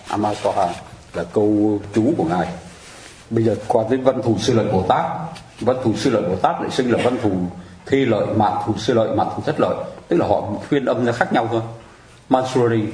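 Man, Buddhist teacher, patient and chatty explainer, low relaxed voice, roomy echo. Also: brisk. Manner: patient, explanatory, keeps asking listeners to agree. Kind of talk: conversational teaching on mudras and mantras.

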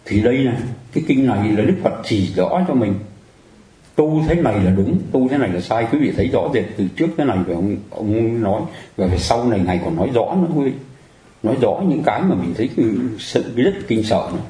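A man's voice: medium pitch, animated, fairly quick, warm tone, echoey room, poor audio. A man giving a Buddhist dharma talk in a conversational way, often turning to the audience with questions to check they agree. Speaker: Buddhist teacher.

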